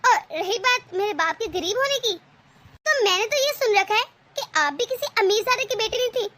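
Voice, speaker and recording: A woman's voice: very high-pitched, lively intonation, a little fast, pushed and bright, exaggerated voice. A woman voicing a clever young daughter-in-law in a cartoon, sweetly polite but cheeky. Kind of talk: animated cartoon voice acting.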